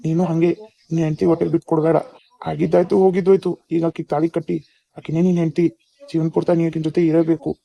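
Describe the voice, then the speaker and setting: A man with a North Karnataka accent voicing a calm, advising father-in-law in a cartoon. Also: a little high, fast talker, vocal fry. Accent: North Karnataka Kannada. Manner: advising, steady. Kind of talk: cartoon voice acting.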